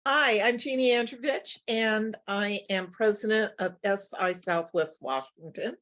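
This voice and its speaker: A woman's voice: mid-range voice, measured pace, fairly bright tone. Woman with a cough, dull lo-fi sound. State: coughing, under the weather. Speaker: club president. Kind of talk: casual introduction in a group meeting. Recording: dull lo-fi video call audio.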